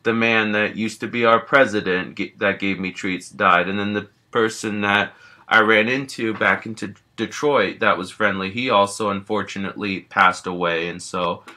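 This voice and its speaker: A man playing a big, gentle grizzly bear who tells a rambling first-person story, packed with fillers and easily frightened. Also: on the low side, fairly even intonation, moderate pace. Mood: rambling wistful. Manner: rambling, constant "you know" fillers.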